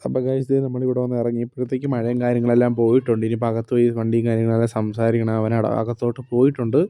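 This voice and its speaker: Speaking quickly and without much inflection, a male vlogger from Kerala, India, narrates a bus-business roleplay in a casual first-person style. His medium-pitched voice has a clean tone, and he rambles, filling gaps with "okay" and "and things."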